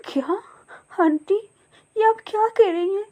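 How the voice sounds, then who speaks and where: High, childlike bird girl, put on by a woman narrator, pleading and innocent, for a storybook. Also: big pitch swings, moderate pace, a little mellow. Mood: sobbing. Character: young orphaned bird girl, sweet and innocent.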